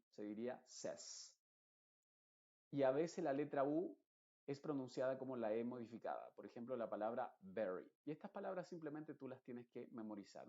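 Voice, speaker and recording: A man teaching English pronunciation in an online lesson, patiently explaining and repeating example words slowly. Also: medium pitch, dark tone, highs cut off.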